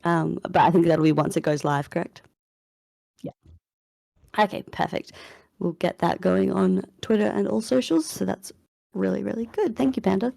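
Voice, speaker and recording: A woman hosts a casual live voice chat as a community manager running an AMA, sounding upbeat and chatty in her morning voice, with fillers and frequent laughs. Her voice is mellow and medium-pitched, moving at a moderate pace with vocal fry and long pauses. It's picked up on a voice chat headset or computer mic, yet the sound is clean and studio-like with no room sound.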